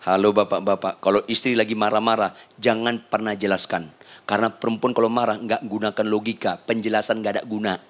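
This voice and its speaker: A man, a pastor, preaching a sermon in a church with humor, his voice leaping high for emphasis. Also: level tone, a little fast.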